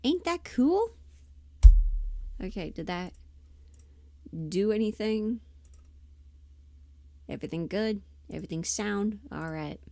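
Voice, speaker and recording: With a mellow mid-range voice and lively intonation, the woman speaks slowly and pauses often, with no room sound. She's a livestream host and amateur voice performer, chatting informally and rambling while muttering to herself as she thinks.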